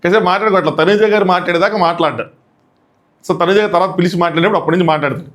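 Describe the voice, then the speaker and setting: A man's voice: high-pitched, very fast. A man with a Telugu accent recapping a reality show in a casual solo talk, acting out the contestants' lines in shifting voices. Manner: animated, acts out contestants' quotes in shifting voices. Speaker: show reviewer.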